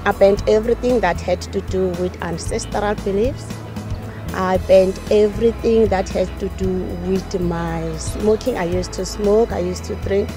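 A woman's voice: mid-range voice, steady tone, normal speed, music in the background. A woman with a South African accent giving a fervent testimony in an interview. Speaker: church visitor giving testimony.

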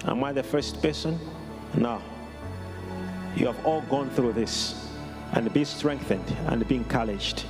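Middle-aged guy preaching at a funeral, really slow and solemn, big echoey hall. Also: mid-range voice. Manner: solemn, measured, deliberate pauses. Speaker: preacher, bereaved father. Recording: long hall reverb, music behind. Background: music.

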